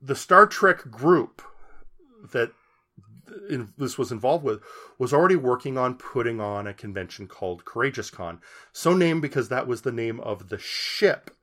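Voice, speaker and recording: Guy with a bright voice on a podcast, rambly, keeps restarting his sentences, amused. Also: mid-range voice, expressive, normal speed. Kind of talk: casual chat, storytelling.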